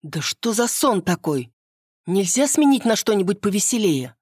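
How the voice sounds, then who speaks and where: A woman's voice: medium pitch, sing-song, normal speed, a little mellow, breathy edge, no echo, studio quality, voice pushed up. A woman voicing a dazed, bewildered young lady. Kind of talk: audiobook character voice.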